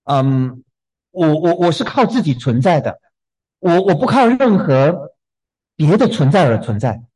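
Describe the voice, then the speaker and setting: A man preaching a sermon in a gentle, unhurried way, often repeating a word as he starts a thought. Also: on the high side, very animated, breathy edge, low-quality recording. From southern China.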